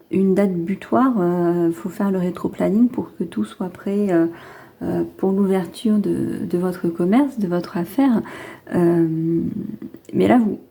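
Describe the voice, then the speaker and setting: Her voice is mid-range, mellow, and husky: a tarot card reader with a lingering head cold, chatting casually to viewers during a reading and rambling hesitantly as she thinks out loud.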